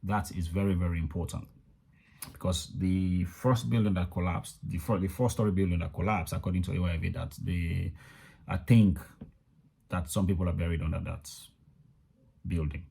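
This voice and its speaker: Deep, husky man. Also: fairly even intonation, moderate pace, warm tone. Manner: conversational, emphatic, repeats words for stress. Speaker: video channel host. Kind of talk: casual news update to viewers. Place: indoors in a room in London.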